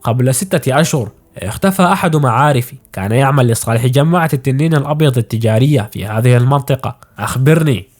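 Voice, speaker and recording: A man's voice: mid-range voice, animated, fast, darkish tone, natural voice. A man reading a cold young swordsman. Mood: cold, wary. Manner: curt, cold.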